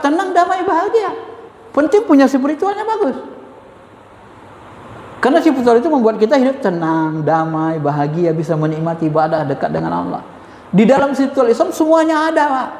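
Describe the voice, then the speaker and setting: A man giving an informal Islamic spiritual lecture, emphatic and animated, repeating key words and addressing his listeners directly. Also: very high-pitched. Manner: addresses listeners as "Pak", chuckles. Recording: echoey hall with faint ambience.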